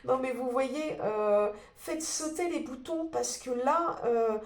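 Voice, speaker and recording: A woman's voice: sits high, slow pace. Stuffy-nosed woman reading tarot, roomy sound. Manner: searching, many fillers and restarts. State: stuffy nose from a cold. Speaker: tarot card reader. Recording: roomy echo.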